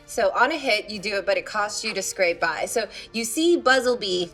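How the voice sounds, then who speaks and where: A woman's voice: mid-range voice, animated, normal speed, a bit bright, faint music behind. A woman narrating a tabletop game as game master, casual and full of fillers.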